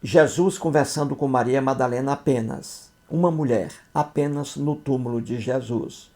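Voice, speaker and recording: A man's voice: medium pitch, moderate pace, dark tone. A man giving critical commentary on scripture, explaining it in a didactic, scornful way and often checking that listeners follow. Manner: didactic, repeats points, asks "entendeu?"; scornful, mocking. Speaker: video commentator.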